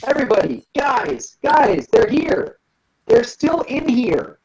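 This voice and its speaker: A woman voicing a screaming, agitated male kobold warrior in a tabletop game, shrill and frantic. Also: very animated, slow pace, a little mellow, highs cut off, slight background noise, exaggerated voice. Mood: alarmed. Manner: shrill and frantic, calling for help.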